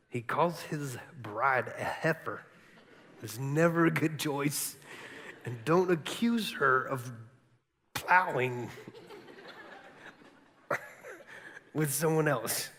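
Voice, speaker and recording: A man's voice: mid-range voice, extremely slow, long pauses. A middle-aged man, a teaching pastor, preaching a sermon and animatedly acting out the people in his story. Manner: animated, acts out quoted characters. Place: large church auditorium. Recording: church hall reverb.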